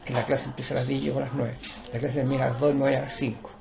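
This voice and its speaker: A man's voice: medium pitch, little pitch movement, racing, gravelly, crowd noise. An older man with a Chilean accent, a teacher and performer, talking in a digressive, lecturing way with many restarts. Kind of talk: rambling conversational interview.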